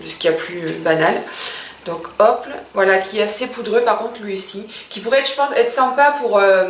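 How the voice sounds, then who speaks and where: A woman's voice: mid-range voice, echoey room, far from the mic, a little hiss or hum. A woman beauty vlogger reviewing makeup in a chatty, gushing way, with many hesitations.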